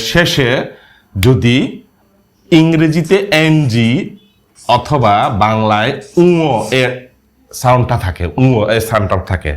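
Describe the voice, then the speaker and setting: A man teaching a language lesson, explaining spelling and sounds step by step and often checking with a questioning "yes?". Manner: frequent questioning "হ্যাঁ?" to check understanding; lively rising and falling pitch.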